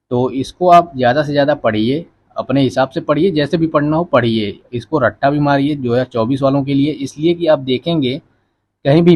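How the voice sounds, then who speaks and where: A man's voice: mid-range voice, a little mellow, muffled recording. A male exam coaching teacher giving a casual spoken lecture, advising students directly in a conversational way.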